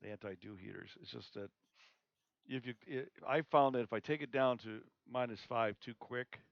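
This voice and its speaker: A man hosting a live observatory stream, chatting casually and haltingly with fillers and restarts. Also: mid-range voice, gravelly, no echo. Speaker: observatory host. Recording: dull lo-fi stream audio.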